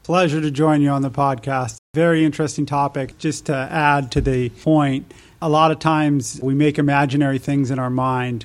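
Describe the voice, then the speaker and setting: A man from the United States, from New Mexico and Nevada, tells his life story conversationally as a podcast guest, his level tone showing little rise or fall. His voice is mid-range with a darkish tone.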